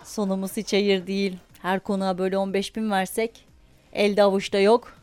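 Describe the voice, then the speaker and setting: A woman hosting a podcast, telling a casual story in an animated way, laughing often and swearing freely. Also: medium pitch, a little fast, noisy background. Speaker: podcast host.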